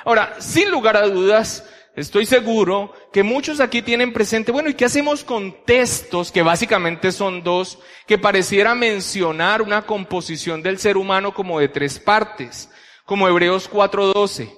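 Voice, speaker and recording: This man speaks with a high-pitched, fairly bright voice at normal speed. He preaches a teaching sermon, methodically working through Bible verses and posing many rhetorical questions, with long hall reverb around him.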